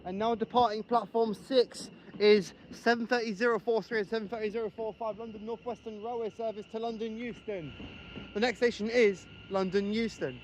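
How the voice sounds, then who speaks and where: A man's voice: high-pitched, fairly even intonation, brisk, a little hiss or hum, rough recording. A man doing his own train station announcements on a railway platform, reading out platforms, times and destinations in a formal announcer cadence.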